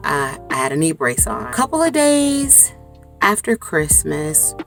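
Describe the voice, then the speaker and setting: A woman in her forties chatting to camera from inside a small clothes closet, telling a story in a chatty, expressive way. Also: low-pitched, measured pace, over music. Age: 40s. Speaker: vlogger. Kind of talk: casual chat to camera.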